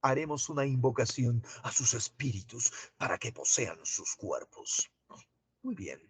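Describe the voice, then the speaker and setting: A man teaching an online class, asking students drawn-out questions. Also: medium pitch, animated, breathy edge, no room sound.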